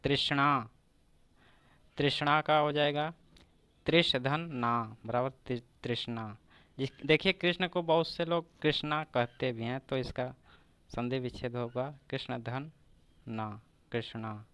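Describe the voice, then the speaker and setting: A man teaching a grammar lesson for exam preparation, slowly breaking down each example word by word and repeating it. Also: mid-range voice, fairly even intonation, a bit bright, clear, resonant tone, dry recording.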